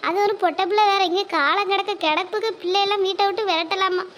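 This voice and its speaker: A woman's voice: extremely high pitch, steady tone, fast talker, a bit bright. A woman voicing a fretful, kind older village woman in a cartoon, speaking in a worried, scolding, motherly manner. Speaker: cartoon character. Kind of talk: cartoon voice acting.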